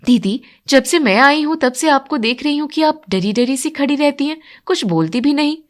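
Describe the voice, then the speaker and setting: A woman's voice: sits high, lively intonation, moderate pace, pitched above the performer's own voice. Playful, outspoken new bride, read by a woman narrator. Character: bold cheerful young bride.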